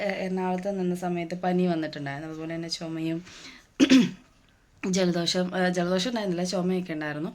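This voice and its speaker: A young woman from Kerala, hoarse from a lingering cough, chatting casually to viewers at home in a vlog, with plenty of fillers. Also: lowish voice. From Kerala, India. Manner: chatty, with many "appam" and "aa" fillers, addressing viewers as guys. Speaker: vlogger. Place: at home, indoors and in the yard.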